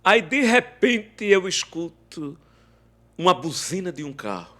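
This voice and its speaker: A man recounts a faith testimony as a podcast guest. His voice sits somewhat high for a man. He dramatizes the conversations he recalls, swinging sharply between raised, loud quoted lines and low, quiet narration. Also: unhurried. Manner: animated, acts out quoted dialogue with big swings in pitch and loudness. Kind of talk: emotional faith testimony storytelling.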